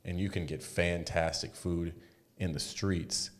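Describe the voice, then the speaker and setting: A man with a very deep voice chats casually as a podcast co-host. He talks in a laid-back, blunt way and swears offhandedly. His delivery is relaxed and conversational. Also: measured pace. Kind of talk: casual chat.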